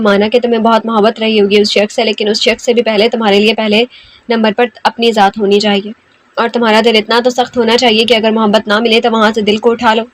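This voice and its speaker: A woman's voice: fairly high pitch, no echo, close to an everyday voice. A woman voicing a frank, kind young man, heartbroken himself, who consoles a girl earnestly.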